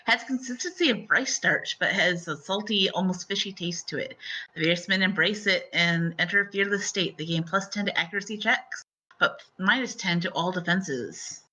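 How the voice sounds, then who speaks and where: A woman's voice: lowish voice, sharp tone. A woman narrating a tabletop game as game master, casual and a little hesitant. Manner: casual, hesitant with fillers, quick laughs. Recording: dull lo-fi sound.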